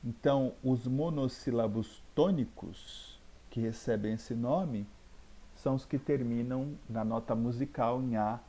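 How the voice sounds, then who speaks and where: A man teaches a grammar lesson at a slow, unhurried pace. His voice is warm and mellow, and he patiently goes back over each point. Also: medium pitch. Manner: slow, patient explaining with repetition. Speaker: Portuguese teacher.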